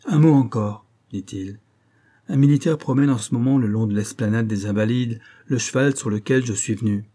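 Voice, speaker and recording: A man's voice: medium pitch, moderate pace, mellow, natural voice. A man voicing a cold, proud young nobleman who speaks in a clipped, controlled way, in a storybook reading. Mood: curt.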